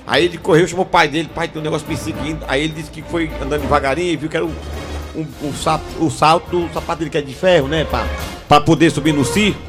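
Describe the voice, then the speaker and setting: A man from co-hosting a radio call-in, quickly chiming in and repeating words. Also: on the high side, steady tone. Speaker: radio co-host. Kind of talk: joking radio banter. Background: background music.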